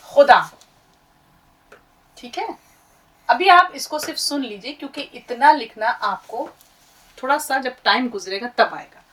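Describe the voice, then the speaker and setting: A middle-aged woman teaching an Urdu language lesson, patiently drilling sounds and repeating them slowly. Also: a little high, sharp tone, distant mic, rough recording. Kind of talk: classroom-style language lesson.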